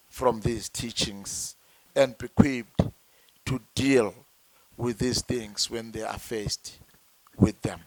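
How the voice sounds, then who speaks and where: Slow, deliberate man from Zimbabwe. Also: medium pitch, no room sound. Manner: deliberate, repeats words while searching. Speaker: traditional healer. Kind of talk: slow explanatory talk.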